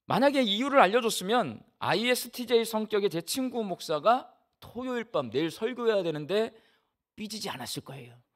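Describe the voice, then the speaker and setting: A middle-aged man from the Jeolla region, a pastor preaching a sermon in a conversational, storytelling way and often turning questions to the congregation. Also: high voice. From Jeolla region, Korea.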